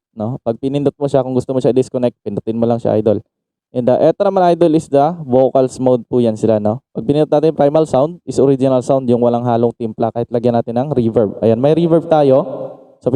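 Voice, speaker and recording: A man's voice: mid-range voice, warm tone, clean tone, no room sound. A man from the Philippines giving a casual product demo, chatting to viewers as "idol" and breaking into mic checks. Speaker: sound card reviewer and MC. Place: home facing a market.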